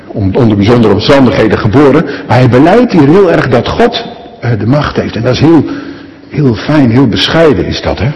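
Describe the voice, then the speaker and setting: A man's voice: mid-range voice, darkish tone, lo-fi sound. A male pastor preaching a sermon in a church, speaking conversationally and often asking the congregation questions. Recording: echoey church hall.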